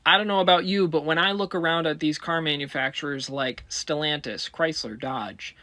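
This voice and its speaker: Male presenter, higher voice, bright and forceful, dry close mic, blunt scripted list. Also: moderate pace, dry recording. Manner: emphatic, blunt delivery. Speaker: car finance video presenter.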